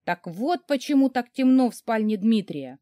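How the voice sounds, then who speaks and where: Lively, wry woman narrator. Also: a little high, no echo, clean studio sound. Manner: wry, theatrical, quick mood swings in quoted lines. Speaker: audiobook reader. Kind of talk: first-person comic romance narration.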